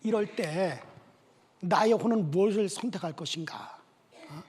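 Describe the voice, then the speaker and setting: A man preaching a sermon as pastor, telling his story with lively asides and frequent questioning interjections. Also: high-pitched, a little slow, breathy edge. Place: church sanctuary. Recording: reverberant church hall.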